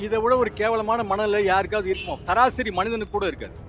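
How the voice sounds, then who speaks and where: A man's voice: high-pitched, quick pace. A man giving argumentative political commentary, firing off indignant rhetorical questions.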